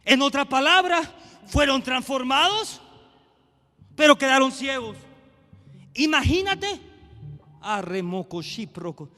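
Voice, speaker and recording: High, bright-voiced preaching pastor in a hall. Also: male voice, measured pace, pauses often. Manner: swings from hushed asides to shouted preaching. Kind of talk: sermon. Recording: long hall reverb, faint music behind.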